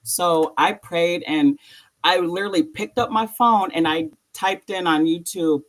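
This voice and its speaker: A woman tells her personal story as an interview guest. Her speech is halting and emotional, broken by nervous laughter. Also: lowish voice.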